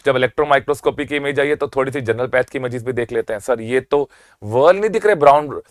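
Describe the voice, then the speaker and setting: This medical exam lecturer, an energetic man with an Indian accent, runs rapid revision at an even mid-range pitch, quizzing and teasing the class before answering his own questions and dragging out key terms. The recording is close and dry, with no room around it.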